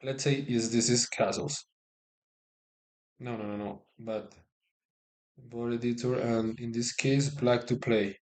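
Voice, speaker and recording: A man giving informal live chess stream commentary, excitable and often repeating phrases for emphasis. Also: mid-range voice, takes it slowly, long pauses.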